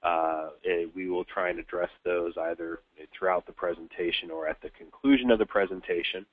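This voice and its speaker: Low, nasal man on a phone line. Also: steady tone. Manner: halting, frequent filler sounds and restarts. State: congested from a cold. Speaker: webinar presenter. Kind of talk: business webinar presentation. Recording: tinny phone-line webinar audio.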